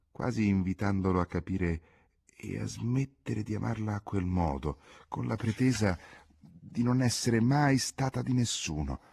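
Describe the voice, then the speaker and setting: Male audiobook narrator, classic novel, expressive, very deep voice, husky. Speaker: audiobook reader.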